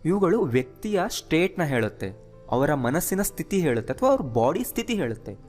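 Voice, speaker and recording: A man teaching English grammar in an online lesson, patiently asking his viewers quick check questions. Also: a little high, very animated, a little mellow, faint music behind.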